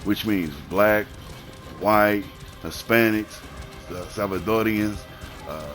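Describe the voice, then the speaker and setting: Deep-voiced man in a profane rant. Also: steady tone, slow, a bit bright, faint music behind. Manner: heated, profane, repetitive ranting. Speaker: streamer. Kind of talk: live-stream rant.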